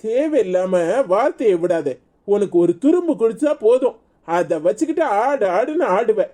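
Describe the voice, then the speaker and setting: A woman's voice: on the high side, sing-song, normal speed, warm tone. A woman voicing a weary, exasperated husband in a cartoon, scolding and fed up, with a Tirunelveli Tamil accent.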